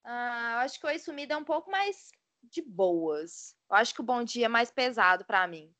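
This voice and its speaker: Blunt, fast-rambling Brazilian woman. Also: on the high side, lively intonation, bright, forceful tone, no echo. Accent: Brazilian Portuguese. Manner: rambling, blunt, talks in quick bursts. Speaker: podcast guest. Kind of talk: casual chat.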